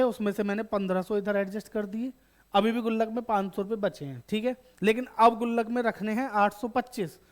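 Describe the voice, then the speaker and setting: A male teacher walks students through an exam topic in a fairly high voice. He talks to them directly and fondly, poses a question, then supplies the answer himself, and repeats the key terms so they stick. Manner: calls students beta, bachche, addresses viewers directly. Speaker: accountancy teacher. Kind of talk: online exam-prep lesson.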